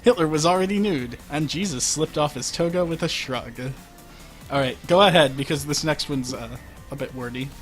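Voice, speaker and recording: Faint music plays behind a man reading comic fiction on a livestream in a fairly high voice at normal speed. Wryly, he keeps interrupting himself to make asides about what he's reading.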